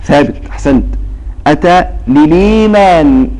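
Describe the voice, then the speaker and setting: A man's voice: on the high side, lively intonation, moderate pace, mellow, low-quality recording. A man teaching a religious recitation lesson, explaining patiently and quizzing his students with repeated questions. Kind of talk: classroom lesson.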